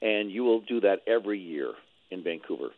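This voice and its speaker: A man calling in over the phone as a radio guest, explaining things in a measured way with halting restarts. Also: low voice, expressive, dry recording. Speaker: real estate board president, radio guest. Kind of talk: call-in radio interview. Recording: tinny phone line.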